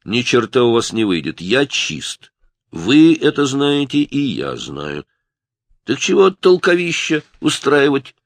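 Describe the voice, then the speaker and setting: A man's voice: mid-range voice, very animated, slow pace, creaky, dry recording, voice pushed up, full character voice. A man voicing a cocky, rude young man with belligerent street talk in an audiobook. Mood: mocking.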